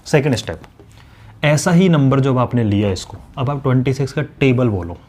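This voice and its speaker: A man's voice: mid-range voice, animated, a little mellow. A man teaching maths straight to camera, scolding and coaching his students in a direct teacher's manner. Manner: acts out students' replies and recites tables quickly.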